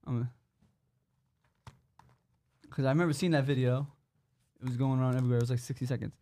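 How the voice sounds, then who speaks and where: Guy chatting on a podcast, mid voice, quick and slangy, bit stumbly. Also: mid-range voice, fairly even intonation, warm tone. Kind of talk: casual podcast chat.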